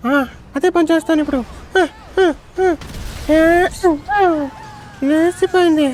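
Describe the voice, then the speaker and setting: Shrill cheeky cartoon boy, bossy and brash, high and monotone. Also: takes it slowly, a little hiss or hum. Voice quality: shrill squeaky childlike. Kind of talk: fan-dubbed game story.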